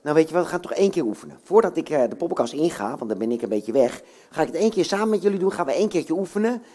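A puppeteer talking warmly to children before a show, coaxing them with many little questions. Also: mid-range voice, big pitch swings, very fast. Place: bookshop, indoors.

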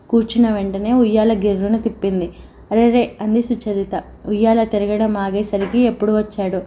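A woman reading a novel aloud as an audiobook narrator, in a steady, even storytelling voice. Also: mid-range voice, muffled recording, slight background noise.

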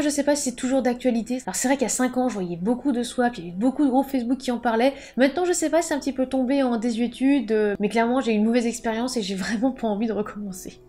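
A woman's voice: on the high side, a little mellow. A woman book vlogger explaining terms in a casual, playful way, with jokey asides.

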